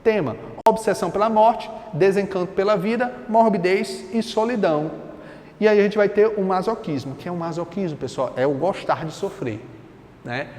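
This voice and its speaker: A man's voice: sits high, normal speed, darkish tone. A man with a Brazilian accent teaching a literature lesson in a conversational, explanatory way, asking frequent rhetorical questions. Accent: Brazilian Portuguese. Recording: reverberant room with faint noise.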